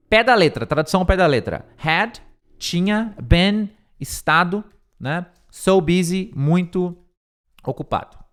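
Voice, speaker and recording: Man, Brazilian Portuguese accent, English teacher, fairly high voice, step-by-step explaining, close mic. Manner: explains step by step, repeats words slowly to drill pronunciation. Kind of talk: informal online lesson. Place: room with a window, at home. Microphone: close microphone.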